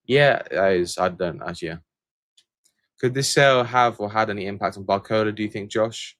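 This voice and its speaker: A man from England hosts a casual livestream, reading viewer comments aloud and answering them in a rambling, hesitant way full of fillers and restarts. His lowish voice is brisk and a bit bright, captured as clean studio sound with no echo.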